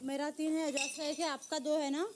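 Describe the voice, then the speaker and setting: A woman with a very high, piercing voice argues loudly and insistently. She keeps cutting in and mixes English phrases into her Hindi. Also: flat delivery, fairly quick, noisy background. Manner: loud, insistent, interrupting. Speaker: reality show contestant. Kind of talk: heated argument, Hindi mixed with English.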